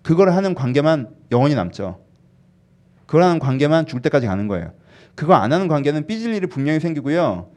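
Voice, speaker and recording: A man preaches in a chatty, animated way, keeping the sermon conversational. His fairly high voice rises and falls a lot. He often turns to the congregation to ask if they agree. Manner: animated, acts out sulky dialogue in quick voices; conversational, asks the congregation "right?". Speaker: pastor.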